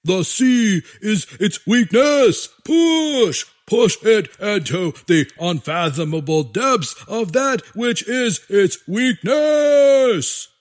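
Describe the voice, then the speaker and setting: A man's voice: high-pitched, expressive, takes it slowly, few pauses. A man voicing fanatical human generals who scream pompous, circular orders. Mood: ranting. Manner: bombastic, shouting.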